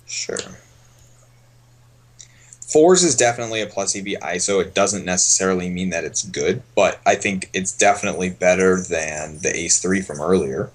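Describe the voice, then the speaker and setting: Guy with a lowish voice chatting thru poker hands, laid back, thinking out loud. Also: moderate pace. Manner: relaxed, thinks aloud while explaining. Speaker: poker coach. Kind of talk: casual coaching stream.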